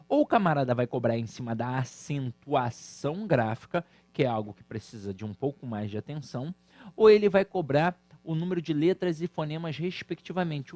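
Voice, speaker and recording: A man with a Brazilian Portuguese accent teaching an exam-prep grammar lesson, lively and emphatic, speaking straight to his students. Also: on the high side, dry recording. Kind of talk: recorded online exam-prep lecture.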